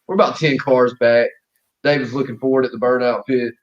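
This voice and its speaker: A man's voice: medium pitch, steady tone, a little fast, muffled recording. A man co-hosting a casual podcast chat over a remote call, joking and telling stories with animation. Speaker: co-host.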